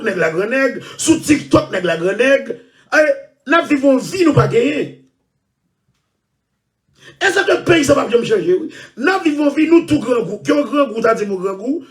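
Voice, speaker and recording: Shouting high-voiced man ranting. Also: animated, moderate pace, distant mic. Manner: shouting, loud and repetitive. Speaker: online show host. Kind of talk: impassioned rant.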